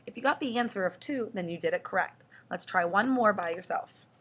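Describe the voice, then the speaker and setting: A young woman teaching a children's lesson, slow and patient, stretching out the example words. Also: medium pitch, a bit bright, a little hiss or hum. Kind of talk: children's lesson explaining syllables.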